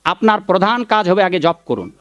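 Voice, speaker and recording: High-voiced man preaching emphatically. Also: sing-song, moderate pace, fairly bright tone, dry recording, dull audio. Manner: emphatic, addresses listeners as father and mother, scolds critics. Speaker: Vaishnava preacher giving a Bhagavat discourse. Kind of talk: devotional sermon with chanted mantras.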